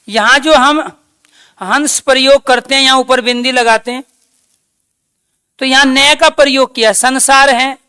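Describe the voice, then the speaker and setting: Slow, crisp-voiced woman teaching grammar. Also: sits high, pushed and bright, dry recording, studio quality. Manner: slow, dictating, poses questions to students and answers them. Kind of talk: online class lecture.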